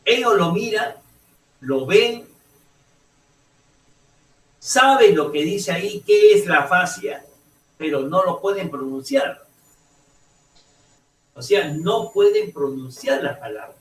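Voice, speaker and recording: A male teacher lecturing a class, halting and restarting often and checking in with "ok?" as he goes. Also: sits high, expressive. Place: echoey classroom. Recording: roomy classroom audio, mic far off.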